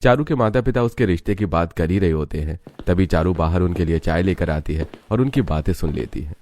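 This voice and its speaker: Male storybook narrator with a lowish voice and steady delivery. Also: fairly quick, no echo.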